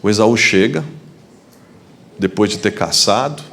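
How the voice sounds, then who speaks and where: A male pastor preaching, telling a Bible story in an animated, humorous way. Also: lowish voice, a little slow, vocal fry, slight background noise. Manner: animated, acts out biblical dialogue with humor. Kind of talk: storytelling sermon.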